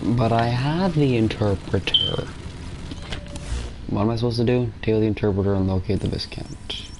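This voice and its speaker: Low-pitched man commenting over noisy gameplay. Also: moderate pace. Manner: self-talk, thinking aloud. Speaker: gamer doing a playthrough. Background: game sounds.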